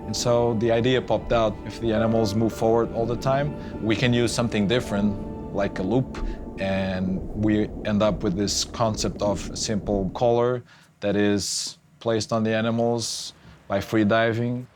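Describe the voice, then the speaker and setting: A man with a low voice explains things as an interviewed researcher in a nature documentary. Music plays clearly behind him. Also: steady tone, normal speed.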